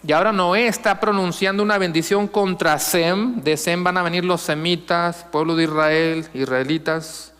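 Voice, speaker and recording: A male pastor preaching a sermon, posing questions to the congregation and reading scripture slowly and with emphasis. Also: high-pitched, a bit bright, clear, resonant tone, long reverb tail. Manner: asks the congregation questions and answers them.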